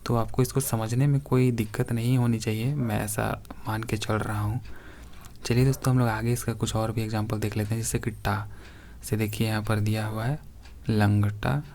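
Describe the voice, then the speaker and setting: A man's voice: lowish voice, flat delivery, normal speed, a little mellow, slight background noise. A man teaching a grammar lesson for exam preparation, reading out word examples one by one and addressing viewers as friends.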